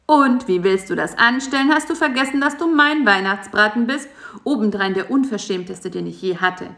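A woman's voice: medium pitch, animated, moderate pace, gravelly, fairly bright tone, pitched above the performer's own voice. A grumpy homebody spider, grumbling and snapping at his pesky guest, as a woman acts him out. The voice sits somewhat raised and firm. It sounds echoey, like a reading in a bare room. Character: grumpy lazy male spider, stay-at-home. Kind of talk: storybook voice acting.

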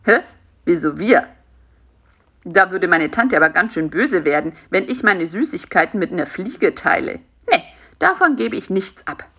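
A woman voicing a tired, stingy and lonely male spider in a children's story, in a sulky, drawn-out way. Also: lowish voice, big pitch swings, pushed and bright, husky, heavily acted.

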